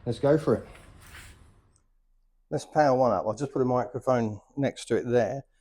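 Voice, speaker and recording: With a medium pitch and a slightly mellow sound, a middle-aged man casually unboxes and reviews motorcycle gear for his vlog. He speaks at a normal pace, chatty and plain-spoken.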